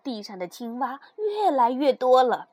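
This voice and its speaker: High, lively woman reading a fairy tale. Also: slightly rough, dry recording. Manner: expressive, slow storytelling. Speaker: storyteller. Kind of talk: scripted fairy-tale narration.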